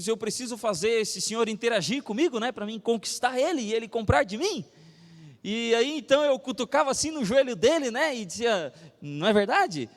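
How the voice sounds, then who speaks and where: High-voiced Brazilian pastor in reverberant church. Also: male voice. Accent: Brazilian Portuguese. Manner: animated storytelling, acts out dialogue, slows for scripture. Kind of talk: sermon with personal story and Bible reading. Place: church hall.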